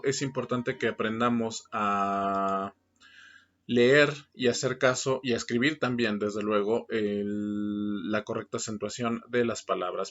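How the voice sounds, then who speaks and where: A man teaching a recorded lesson, explaining patiently with frequent filler pauses. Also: mid-range voice. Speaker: Spanish teacher. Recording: dull lo-fi recording.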